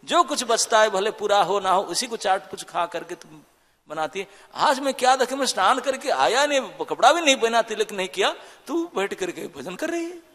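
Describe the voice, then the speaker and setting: A man's voice: sits high, animated, normal speed, pushed and bright, long reverb tail, heavily acted. A man voicing a bewildered, devout poet husband who exclaims in disbelief. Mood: amazed. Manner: exclaiming, incredulous questions.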